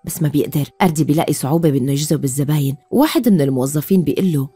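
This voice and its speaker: Rapid-fire Levantine woman narrating a film recap. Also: deep voice, husky, dry recording, faint music behind. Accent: Levantine Arabic. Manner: brisk, even storytelling delivery.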